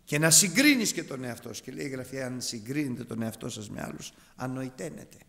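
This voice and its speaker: A man in his fifties preaching a sermon to his congregation, animated and emphatic. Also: mid-range voice, creaky. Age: 50s. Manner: animated, emphatic, addresses brethren. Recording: hall reverb.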